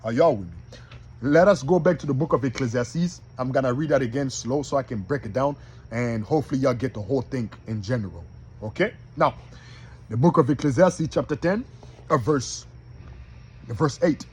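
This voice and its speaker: Husky-voiced man preaching casually. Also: mid-range voice, moderate pace, poor audio. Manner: folksy, repeatedly checks in with listeners. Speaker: online preacher. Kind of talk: informal preaching to camera.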